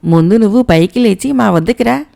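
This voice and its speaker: Woman reading a scared, joking young sidekick in an audio storybook; slightly gravelly. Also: mid-range voice, animated, brisk, mellow. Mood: nervous teasing. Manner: nervous, teasing talk. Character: timid, joking young male companion.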